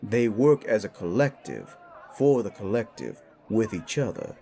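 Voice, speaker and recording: In a scripted audio drama, a man plays an older werewolf mentor, patient and seasoned, who explains things plainly and instructively. His voice is fairly low and dark, with a sing-song lilt and a measured pace.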